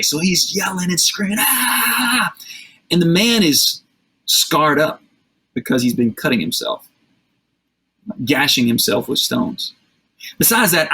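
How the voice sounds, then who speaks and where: A man preaches to a streamed congregation, his voice a little husky and mid-pitched. He retells a scripture story in plain, conversational words and keeps inviting listeners to picture the scene. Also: fairly bright tone. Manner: conversational, vivid storytelling with rhetorical questions. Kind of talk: livestreamed sermon.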